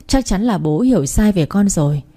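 A woman's voice: mid-range voice, animated, normal speed, mellow, natural voice. A woman voicing a scheming son-in-law who pleads and wheedles in a storybook reading. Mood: pleading.

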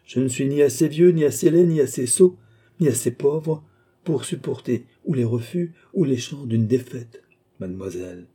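A man's voice: mid-range voice, expressive, moderate pace, mellow, breathy edge, voice pushed up. A man reading an audiobook, voicing a cool, politely mocking nobleman. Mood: suave. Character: suave, cool, ironic nobleman count.

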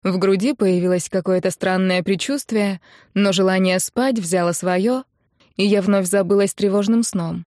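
A woman reads a first-person novel in an even storytelling delivery at a middle pitch. The recording is dry and close, with no room sound. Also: normal speed, no room sound. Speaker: audiobook narrator.

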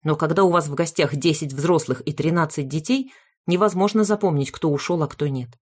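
A woman's voice: sits low, brisk, breathy edge. Woman reading a wry comic story. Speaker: audiobook reader. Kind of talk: first-person narration of a comic story.

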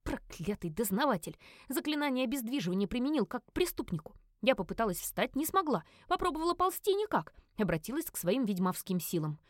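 A woman narrating a first-person fantasy audiobook in a lively, indignant, comic manner. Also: high-pitched, quick pace, hardly any pauses, no echo, studio quality.

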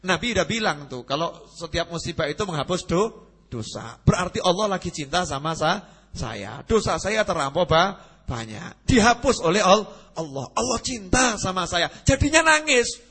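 A man giving a conversational sermon, swinging between loud emphatic lines and hushed ones. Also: high voice, big pitch swings, moderate pace, breathy edge. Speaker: preacher.

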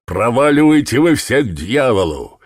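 A man voicing an angry market goose seller who shouts furiously, recorded dry and close. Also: mid-range voice, very animated, normal speed, no room sound, pitched above the performer's own voice.

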